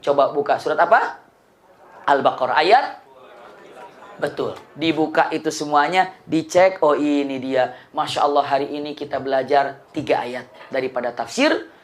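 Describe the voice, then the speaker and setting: A man preaching to a congregation, turning a story into a lively performance. He acts out the scenes himself, breaking into sudden loud bursts and laughing along the way. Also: on the high side. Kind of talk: storytelling sermon.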